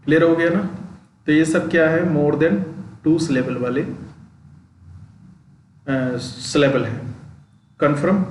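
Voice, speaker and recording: A male teacher, slightly high voice, explains step by step and checks understanding often. He speaks slowly from a distance in an echoey room. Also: a little mellow. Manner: slow, repeats terms and checks understanding. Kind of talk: exam-prep classroom lesson.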